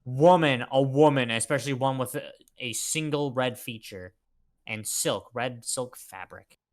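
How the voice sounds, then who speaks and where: A man's voice: medium pitch, measured pace. Bantering, profane man at a game session. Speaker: tabletop role-play player. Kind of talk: casual joking group chat during a game.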